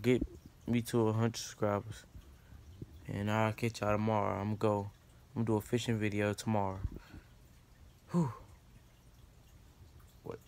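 A man's voice: fairly low pitch, clean tone. A young man chatting loosely and directly to his viewers in a casual vlog, recorded on a phone. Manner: loose, rambling, talks straight to viewers. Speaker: vlogger. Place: outdoors by a pond, then indoors in a room. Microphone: phone camera.

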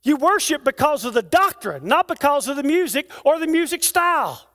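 High-voiced male preacher. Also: big pitch swings, moderate pace, fairly bright tone. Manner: rhythmic declamatory preaching with long lists; conversational asides to the congregation. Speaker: pastor. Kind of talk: sermon. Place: church sanctuary.

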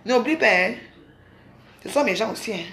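A woman's voice: on the high side, animated, normal speed, fairly bright tone, slight background noise. Combative woman ranting. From Cameroon. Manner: scolding, combative, repeats herself. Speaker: live streamer. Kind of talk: angry live-stream rant. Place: at home. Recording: roomy echo.

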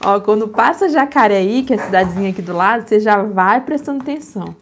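A woman hosting a casual live stream from home, chatty and quick to laugh. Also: medium pitch, animated, a little hiss or hum.

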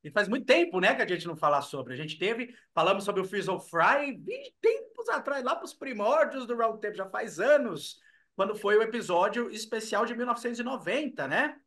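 High, bright-voiced chummy Brazilian man. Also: normal speed. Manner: chummy, slangy, animated. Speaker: co-host. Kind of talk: casual album review chat. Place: home room. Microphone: video call webcam.

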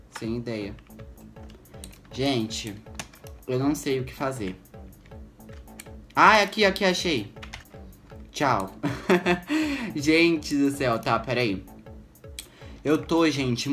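A young man with a Brazilian Portuguese accent gives excitable, jittery gameplay commentary at his computer, full of exclamations. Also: medium pitch. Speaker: gaming YouTuber.

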